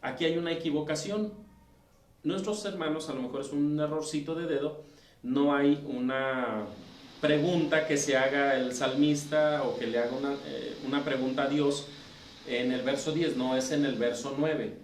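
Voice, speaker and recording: A man with a Mexican Spanish accent, a deacon teaching a Bible lesson, reading scripture aloud and explaining it with pauses and self-corrections. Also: on the high side, fairly even intonation. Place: church room. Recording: roomy, distant mic with faint noise.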